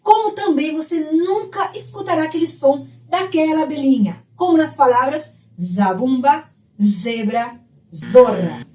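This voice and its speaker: A woman who is a Spanish teacher, explaining a language lesson in a clear, explanatory way. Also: high voice, moderate pace, hardly any pauses, a little mellow, roomy sound, slight background noise.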